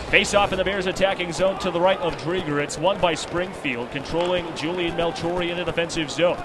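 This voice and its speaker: Over loud music, a fairly high-pitched male voice delivers radio play-by-play of an ice hockey game at a fairly quick clip. He's stationed in a broadcast position high over the rink in an arena, keeping his calls short and present-tense until key plays push them into excited shouts.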